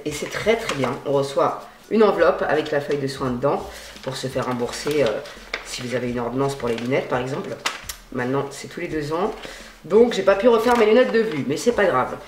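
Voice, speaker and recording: A woman vlogging a clothing haul in a chatty, slangy way, swearing freely and swinging between loud and quiet. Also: sits low, animated, normal speed, reverberant, a little hiss or hum. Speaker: beauty and fashion vlogger. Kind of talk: casual haul vlog.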